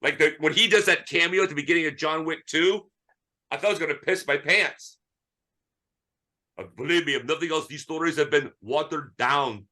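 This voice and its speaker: A man with a bright, forceful voice and a slightly high pitch tells an animated movie story. He rants freely and slips into impressions as he talks. The feel is a relaxed podcast chat. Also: normal speed. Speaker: podcast co-host.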